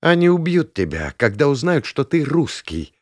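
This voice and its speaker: A man's voice: fairly high pitch, big pitch swings, normal speed, no echo, studio quality, voice pushed up. A man voicing a stubborn, defiant young woman who speaks sharply and insistently in a storybook reading.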